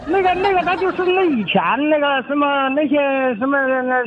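A man in his sixties from Sichuan phones in to a radio show. His voice sits very high for a man, and he chats in a plain, good-humoured way with frequent laughter. The call comes through a tinny, phone-like line. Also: a little fast, a little hiss or hum. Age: 60s. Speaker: caller. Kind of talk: phone-in chat.

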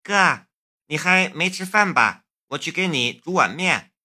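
A man's voice: fairly high pitch, animated, a little slow, bright, forceful tone, voice pushed up, full character voice. A man voicing a playful, teasing young woman, the hero's little sister, in an audiobook. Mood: caring. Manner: bubbly, teasing.

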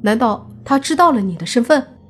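A startled, blunt young man, as a woman narrator puts him on, speaking in quick exclamations. The voice is somewhat raised and louder than the narration around it. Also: a little high, lively intonation, faint music behind, pitched above the performer's own voice. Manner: surprised exclamations.

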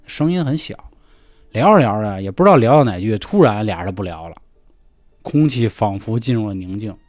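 A man telling a ghost story in casual chat, acting out the dialogue in hushed voices. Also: lowish voice, expressive, a little fast, no room sound, clean studio sound. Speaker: podcast storyteller.

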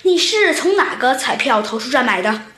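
A patient, kindly monkey police chief speaks gently and reasons calmly, as a woman reads him out. His voice sits a touch lower than the narration. The storybook reading has an echoey room and faint music behind it. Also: normal speed, heavily acted. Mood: calm, reasoning.

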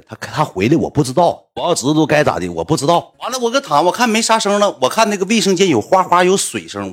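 A man with a Northeastern Mandarin accent telling a story in casual chat, animated and acting out the voices of the people in it. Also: fairly high pitch, slightly rough. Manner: animated, acts out quoted voices.

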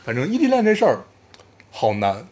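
一位带北京口音的男播客主持人，用很口语的方式轻松闲聊，也读听众留言。. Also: male voice, fairly high pitch, wildly swooping pitch, a little fast, mellow. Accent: Beijing. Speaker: podcast co-host reading listener messages. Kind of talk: casual chat.

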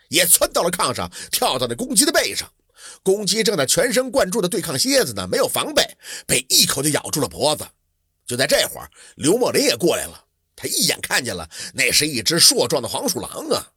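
A man's voice: on the high side, breathy edge, no echo, clean studio sound. A man telling a traditional story in a dramatic, vivid way. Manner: dramatic, lively, vivid delivery.

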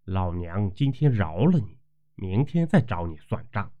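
A man's voice: deep voice, sing-song, a little slow. A man voicing a domineering, foul-mouthed middle-aged landlord's wife who talks in a harsh, bossy way. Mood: scornful. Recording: dull lo-fi recording.

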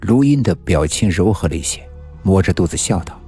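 A man's voice: deep voice, lively intonation, fairly quick, mellow, slightly rough. A man narrating a suspenseful story in a tense storytelling manner. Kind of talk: dramatic story reading. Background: faint music.

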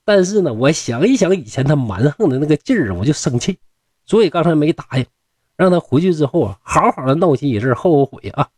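A man's voice: a little high, animated, brisk, a little mellow, no room sound, studio quality. A man playing a teasing proud young scholar. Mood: grumbling.

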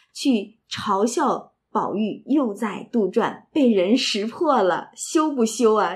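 A woman with a slightly high voice walks listeners through a classic novel. She speaks casually and conversationally, stopping to comment and ask rhetorical questions as she goes. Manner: chatty, asides and rhetorical questions. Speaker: literature storyteller and explainer.

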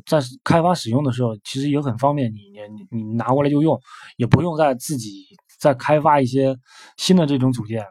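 A man's voice: medium pitch, darkish tone, dry recording, clean studio sound. A young man giving casual spoken advice as a developer, hesitant, with many fillers and repeated words.

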